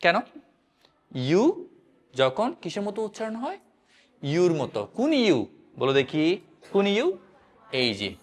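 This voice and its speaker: A man's voice: sits high, sing-song, unhurried, long pauses. A man teaching an English grammar lesson, repeatedly asking his students questions and drilling the answers. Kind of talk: classroom-style grammar lesson.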